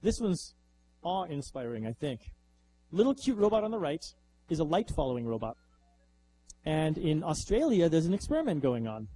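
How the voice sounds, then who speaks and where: A man giving a lively, conversational lecture as an author, often posing rhetorical questions to the audience. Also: fairly high pitch, moderate pace, pauses often, rough recording. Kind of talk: lecture with slides.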